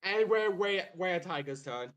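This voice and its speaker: A man running a streamed tabletop game as game master, narrating with lively, theatrical swings of excitement. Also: high-pitched, moderate pace.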